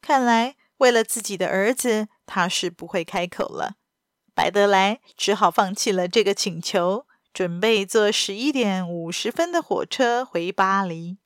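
A woman narrating a novel aloud as a storyteller in a steady, even manner. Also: mid-range voice, a little slow, no echo, clean studio sound.

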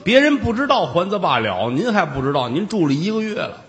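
A man's voice: high voice, very animated, brisk, a bit bright, voice pushed up. A man voicing a put-upon Daoist priest who complains. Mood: grumbling. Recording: long reverb.

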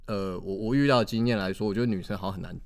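A man with a Taiwanese Mandarin accent co-hosts a relaxed podcast conversation. His voice sits fairly low, and he talks haltingly, repeating words as he searches for them. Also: creaky. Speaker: podcast co-host. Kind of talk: casual chat.

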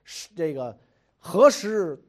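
A man's voice: high-pitched, sing-song, takes it slowly. A man telling history stories in a chatty, jokey, colloquial way. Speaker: storyteller. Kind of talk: casual history storytelling.

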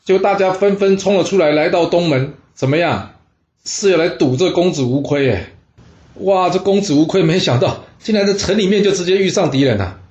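A man telling a historical tale in an animated, chatty way, with asides to listeners. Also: sits high, fairly quick, highs cut off. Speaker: storyteller. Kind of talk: lively historical storytelling. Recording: roomy echo.

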